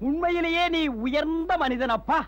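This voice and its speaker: Bragging film comedian, high-pitched, boastful delivery. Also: male voice, normal speed, a bit bright. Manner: bragging, chuckling. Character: boastful Tamil man who fooled a foreigner.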